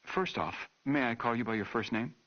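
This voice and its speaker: An actor playing a gentle, hesitant American doctor conducting a taped interview in a game. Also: male voice, mid-range voice, lively intonation, a little fast, noisy background, lightly acted. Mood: reassuring. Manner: soothing, hesitant. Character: gentle, tactful young medical doctor. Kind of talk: dramatic game voice acting as a taped police interview. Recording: dull, muffled old tape recording.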